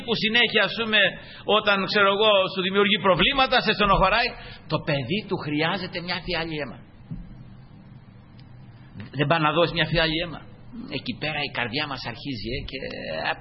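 Male preacher, high and animated delivery, dull lo-fi recording with faint background ambience. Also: big-room sound, slight background noise. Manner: fervent, addresses listeners as brothers. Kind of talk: sermon.

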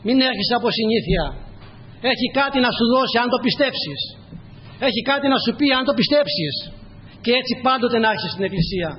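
Male preacher, higher register, repetitive exhortations, reverberant church with a muffled, faint hiss. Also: animated. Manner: repetitive exhortations, direct address to listeners. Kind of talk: sermon with scripture reading.

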